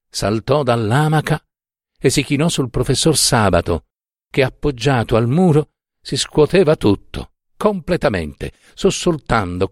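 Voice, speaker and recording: A man narrating a classic short story in an expressive, dramatic reading. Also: medium pitch, no echo, studio quality.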